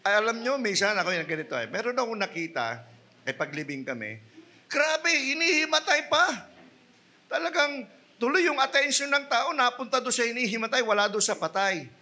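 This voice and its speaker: Bright, high-voiced Filipino pastor preaching. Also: male voice, very animated, brisk. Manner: mixes English into Tagalog, asks the congregation "Hello?" and "Amen?"; swings from soft asides to loud, high-pitched emphasis. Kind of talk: sermon. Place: church.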